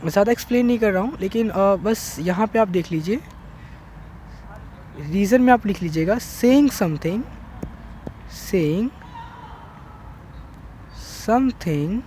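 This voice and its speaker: A man's voice: high voice, darkish tone, a little hiss or hum. A man teaching an English grammar lesson online, explaining step by step and checking in with "theek hai" often. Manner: slow, repetitive explaining with frequent "theek hai".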